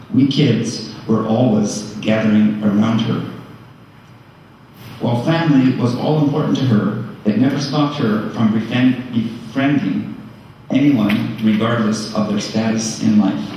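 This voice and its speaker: An older man giving a eulogy for his mother, halting with fillers and gently joking. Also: mid-range voice, a little hiss or hum. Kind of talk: memorial eulogy. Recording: echoey hall from far off.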